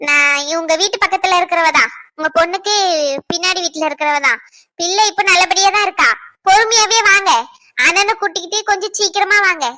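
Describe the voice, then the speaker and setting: A woman voicing a bright, soothing young neighbor. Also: extremely high pitch, fairly even intonation, brisk, no echo. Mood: reassuring. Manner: soothing, reassuring. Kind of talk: Tamil cartoon dubbing.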